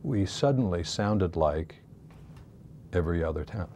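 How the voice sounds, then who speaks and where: A man's voice: sits low, expressive, measured pace, a little mellow, a little hiss or hum. A man interviewed for a documentary, recalling and quoting someone in a conversational manner.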